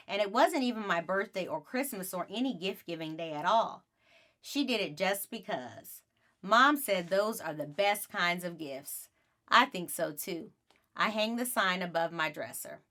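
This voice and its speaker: A woman reads a children's book aloud with expressive storytelling, using a mid-range voice at a moderate pace.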